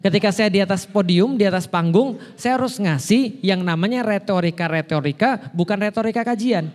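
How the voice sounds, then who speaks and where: A male preacher with a notably high voice talks to his congregation in an easy, conversational style. He often asks a question and then answers it himself. His voice trails off in a long hall reverb. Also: brisk. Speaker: Islamic preacher. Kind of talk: casual religious talk to a congregation.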